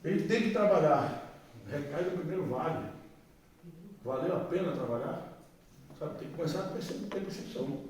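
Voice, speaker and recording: A man's voice: on the high side, normal speed, long pauses, a little hiss or hum. Brazilian man, echoey far-off talk. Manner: colloquial, animated, acts out dialogue. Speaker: psychologist giving a talk. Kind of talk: informal recovery testimony talk. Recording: echoey room, far from mic.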